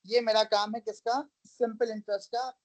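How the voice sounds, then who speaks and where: A woman's voice: on the high side, level tone, moderate pace, a little mellow, no echo, rough recording. A woman teaching a math lesson, explaining each step patiently and checking that her students follow. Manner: patient, step-by-step, calls listeners "beta" and asks check questions. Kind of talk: recorded math lesson, mixing English into explanations.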